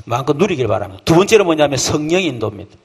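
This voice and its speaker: Male pastor, folksy sermon delivery, husky tone with a high, lively pitch. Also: very fast. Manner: lively, folksy preaching with rhetorical questions; acts out quoted voices of believers and children. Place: church camp hall.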